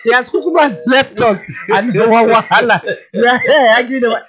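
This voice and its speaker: A man in his fifties, co-hosting a radio show with teasing, animated banter. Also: very high-pitched, normal speed, highs cut off, a crowd in the background. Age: 50s. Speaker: radio co-host.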